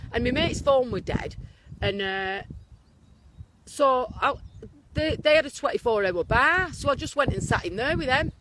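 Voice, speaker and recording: A Northern English woman with a high voice tells a rambling story during a casual chat. Her pitch swings up and down as she talks. She has a dry, teasing manner, and the chat happens outdoors on a street. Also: animated, unhurried, noisy background.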